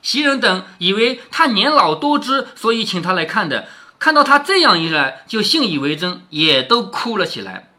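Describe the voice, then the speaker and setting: A man reading a classic novel aloud to his daughter at home, explaining as he goes in a chatty way, often tagging on a quick question to her. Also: sits high, big pitch swings, pushed and bright. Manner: chatty, keeps asking "right?" with a dropping tag. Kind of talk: storytelling with casual commentary.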